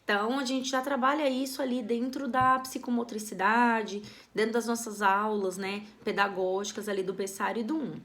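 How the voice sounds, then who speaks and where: Brazilian woman educator, lively teacherly explainer, somewhat high voice. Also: normal speed, hardly any pauses. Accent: Brazilian Portuguese. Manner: animated, teacherly, with frequent "né?" tags. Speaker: school educator. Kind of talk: explanatory talk about early literacy.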